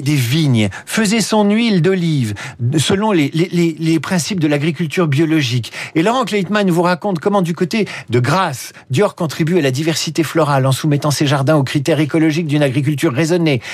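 A man presenting a lively, chatty press review on the radio, stumbling over names and adding asides. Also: on the high side, moderate pace, no echo. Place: radio studio.

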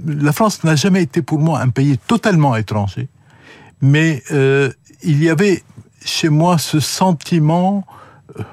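Lebanese-born guy in a radio interview, slow and careful, lots of pauses, dry close sound. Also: medium pitch, mellow, dry recording. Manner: measured and thoughtful, pausing often mid-sentence. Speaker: interview guest. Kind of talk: reflective radio interview answers. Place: radio studio.

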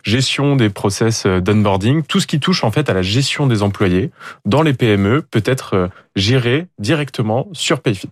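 A man's voice: medium pitch, expressive, normal speed, no echo, clean studio sound. A man, a company founder, answering interview questions in a hesitant way, with many fillers and repeated words.

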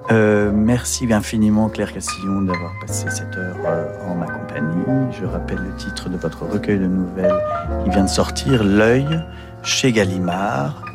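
A man's voice: deep voice, unhurried, over loud music. A male radio host interviewing a guest in an easygoing, joking way, with hesitant fillers.

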